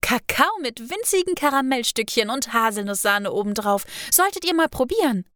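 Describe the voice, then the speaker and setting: A woman's voice: a little high, lively intonation, moderate pace, a bit bright, dry recording, voice pushed up. A woman doing a gushing sweet young baker.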